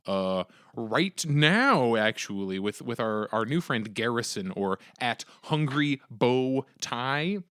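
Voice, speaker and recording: A man's voice: takes it slowly, hardly any pauses, clean tone, no echo, clean studio sound. A man hosting a podcast, telling a story in casual chat and acting out the people in it with a raised voice. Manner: animated, acts out quotes in a raised pitch. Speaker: podcast host.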